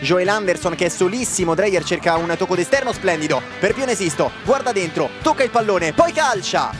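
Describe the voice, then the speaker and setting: Animated young man, high-pitched football commentary. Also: a little fast, over music. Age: young adult. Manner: animated, raised voice. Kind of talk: excited live football commentary. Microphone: headset microphone.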